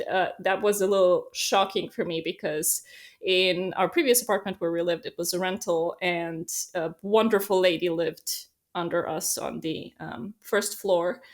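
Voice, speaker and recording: A woman's voice: lowish voice, normal speed. A woman from Serbia, chatting as a guest in a casual interview and telling stories with lots of fillers. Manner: chatty, animated storyteller, many fillers.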